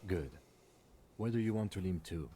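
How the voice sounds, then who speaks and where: Man doing a reserved cop lieutenant, low voice, precise, deadpan. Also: normal speed, a little hiss or hum, lightly acted. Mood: calm. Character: calm, reserved adult male police lieutenant. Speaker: police lieutenant. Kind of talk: game voice acting.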